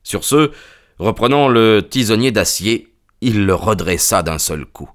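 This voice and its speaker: A steady companion telling the tale in first person, his low voice measured and even as he describes each scene, read by a man. A plain storybook narrator with no theatrics. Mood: narrating. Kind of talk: dramatized audiobook narration.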